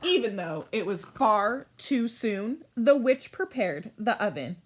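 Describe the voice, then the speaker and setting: A woman's voice: medium pitch, lively intonation, slow pace, voice pushed down. A woman voicing an exasperated, dramatic storyteller who bickers with the characters of a comic storybook tale. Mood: put-upon. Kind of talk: comic storybook read-aloud.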